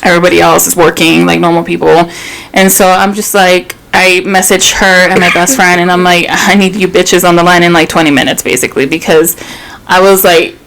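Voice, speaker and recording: A woman's voice: on the low side, level tone, a little fast, gravelly, fairly bright tone, a little hiss or hum, poor audio. A woman in her thirties co-hosting a podcast, telling a personal story in casual chat, candid and swearing freely. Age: 30s. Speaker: podcast co-host.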